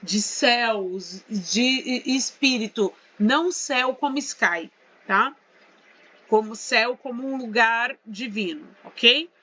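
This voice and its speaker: Her voice is high-ish, bright and forceful, and she moves at an unhurried pace, though the audio is muffled. This Brazilian English teacher, speaking with a Brazilian Portuguese accent, runs a casual screen-share tutorial, chatting away and checking in with students through tag questions.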